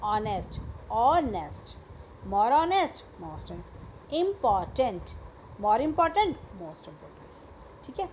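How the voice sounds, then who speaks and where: A woman's voice: a little high, very animated, very slow, a little mellow, slight background noise. A woman with an Indian English accent teaching a grammar lesson, mixing Hindi and English and often checking whether her students have understood.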